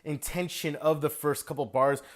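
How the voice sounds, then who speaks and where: A man giving feedback in a drum lesson, energetic and explaining technique while singing the rhythms aloud. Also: on the high side, normal speed.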